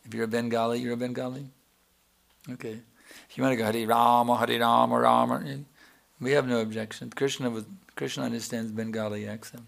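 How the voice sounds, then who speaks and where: Man, spiritual teacher, gravelly, patient explaining, chants examples, mid pitch. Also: level tone, fairly quick, a bit bright. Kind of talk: devotional Q&A talk.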